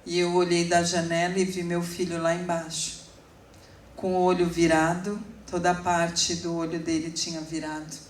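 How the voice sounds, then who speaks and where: A woman in her forties giving an emotional sermon testimony, telling her story slowly with sudden emphatic rises. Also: fairly low pitch, monotone, slight background noise. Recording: echoey room, speaker far from mic.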